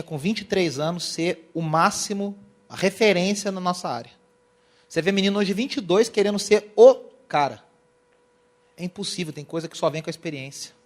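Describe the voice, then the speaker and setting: A young man from Brazil giving a lively church lecture on worship, telling stories and acting out quotes. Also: a little high. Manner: animated, storytelling, acts out quotes. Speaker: worship teacher. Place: church hall.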